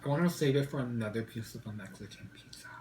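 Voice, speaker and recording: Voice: medium pitch, fast, reverberant, background noise. A mukbang vlogger chatting casually and playfully to viewers, chewing and eating while talking. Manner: playful, breaks into song.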